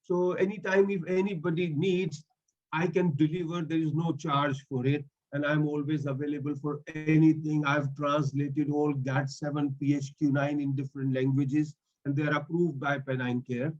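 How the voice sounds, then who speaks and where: Speaking in non-native English with earnest intent, this Swahili-speaking man in his fifties works as a mental health link worker and is addressing an online meeting. His pitch is a little high and his tone darkish, and his delivery is flat at an ordinary speed. Picked up over a video call, the recording has its highs cut off.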